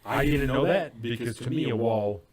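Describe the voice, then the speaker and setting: A man's voice: medium pitch, normal speed, crowd noise. A man co-hosting a podcast, talking casually and profanely in an incredulous tone. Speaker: podcast co-host.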